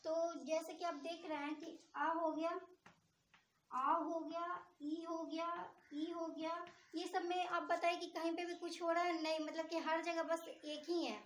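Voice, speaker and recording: A woman's voice: very high voice, little pitch movement, unhurried, a little hiss or hum. A woman teacher explaining grammar step by step, posing questions to her students and answering them herself. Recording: echoey room.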